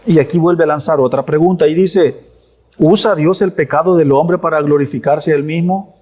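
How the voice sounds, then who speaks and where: A man's voice: on the high side, normal speed, darkish tone. A man preaching a sermon as pastor, emphatic, repeating phrases for stress and posing rhetorical questions. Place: church.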